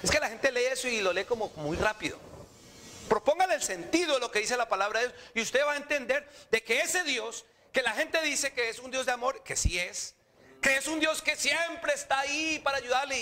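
A male preacher with a high, bright voice delivers a sermon. His pitch swings widely as he preaches, and he keeps acting out the quotes in mocking voices. Faint noise sits behind him. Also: animated, a little fast.

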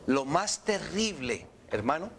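A male preacher with a high, bright voice delivers a sermon. His pitch swings widely as he preaches, and he keeps acting out the quotes in mocking voices. Faint noise sits behind him. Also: sing-song, takes it slowly.

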